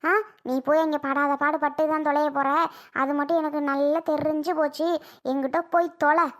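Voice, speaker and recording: A woman's voice: high-pitched, flat delivery, normal speed, natural voice. A woman playing a scolding, stubborn village mother. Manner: scolding, demanding, bossy. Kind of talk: family drama skit.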